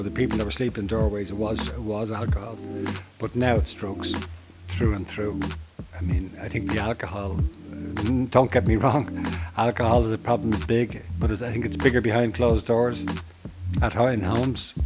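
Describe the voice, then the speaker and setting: A middle-aged man from Dublin, Ireland, who runs a homeless service, answers interview questions in a lowish voice. He speaks earnestly, often stopping and restarting mid-thought.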